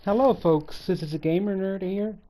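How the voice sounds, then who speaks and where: A man's voice: high-pitched, normal speed, dark tone, a little hiss or hum. A man hosting a let's play, chatting casually as he reads out menus and counts items aloud. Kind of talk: casual gameplay commentary.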